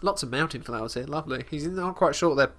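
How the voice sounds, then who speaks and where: A man's voice: a little high, fairly bright tone. Rambling man narrating his game. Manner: rambling, halting, with many restarts and fillers; narrates his character in third person. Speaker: let's play host. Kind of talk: casual gameplay commentary.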